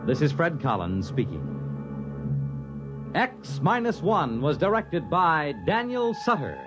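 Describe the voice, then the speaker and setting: Dramatic American radio announcer, lively pitch swings. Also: male voice, slow pace. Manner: dramatic, formal delivery. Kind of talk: 1950s network radio announcing, scripted. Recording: dull vintage radio broadcast, faint music.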